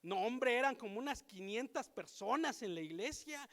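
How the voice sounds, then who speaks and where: A man with a Mexican accent preaches a sermon in a church hall, his very high voice bright and forceful. He moves between relaxed storytelling and emphatic exhortation. Long reverb from the hall trails behind every line. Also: moderate pace. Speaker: pastor. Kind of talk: sermon with personal anecdotes.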